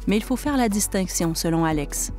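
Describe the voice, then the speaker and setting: A woman's voice: mid-range voice, faint music behind. Woman narrating a food report. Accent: Québécois French. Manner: even, measured delivery. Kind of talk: scripted narration.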